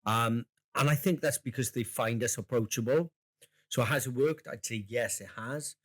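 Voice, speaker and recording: A man's voice: medium pitch, normal speed, a bit bright. A man co-hosting a podcast in casual chat, rambling and jokey, laughing often and swearing casually. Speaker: podcast co-host.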